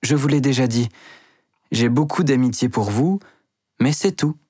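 A man voicing a young woman shop clerk who speaks softly but firmly, his voice raised in pitch. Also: a little slow, breathy edge, no room sound, clean studio sound. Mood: gentle firm.

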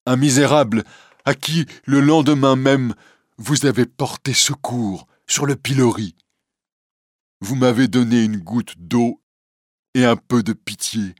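A man voicing a gentle, devoted deaf hunchback in a storybook reading, earnest and pleading. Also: mid-range voice, no echo, studio quality, voice pushed up, natural voice. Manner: earnest, pleading, raised and slow.

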